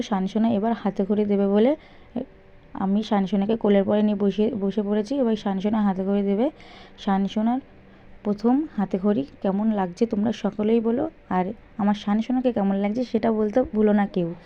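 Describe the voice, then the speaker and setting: A woman's voice: mid-range voice, warm tone. A young woman vlogging in a casual, chatty way, repeatedly talking straight to her viewers. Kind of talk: casual vlog narration. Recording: dull lo-fi sound.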